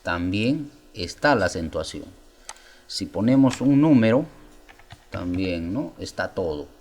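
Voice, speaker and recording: A man presenting a software tutorial, explaining step by step and asking viewers rhetorical questions. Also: low-pitched, animated, unhurried. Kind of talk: screen-recorded software tutorial.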